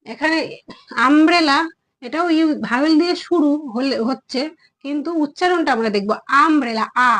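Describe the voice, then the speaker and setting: A woman's voice: sits high, poor audio. A woman teaching a children's English grammar lesson, patiently repeating words and sounding out each vowel. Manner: patient, explanatory.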